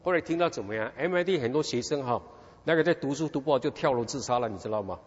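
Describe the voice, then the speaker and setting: Speaking quickly at a medium pitch, a middle-aged Taiwanese man delivers a sermon through lively personal storytelling. He keeps throwing rhetorical questions at the audience. The audio sounds dull and echoes around a reverberant hall.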